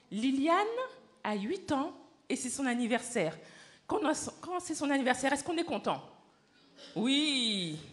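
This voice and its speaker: A woman telling a story to children at a church service, animated and often asking the children questions. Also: sits high. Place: church hall.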